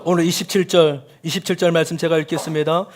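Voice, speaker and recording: A male pastor with a high-pitched voice delivers a sermon to his congregation. He asks them questions and calls for amens. He rises to loud cries, then drops to soft asides. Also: fairly even intonation, fast. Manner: talks straight to the congregation with questions and calls to say amen.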